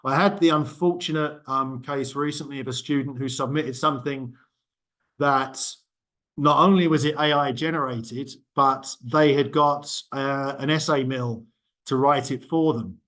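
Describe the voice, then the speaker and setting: In a small group discussion, a middle-aged university lecturer talks loosely, with plenty of ums and self-corrections. His voice is medium-pitched, steady and fairly bright, and he takes his time.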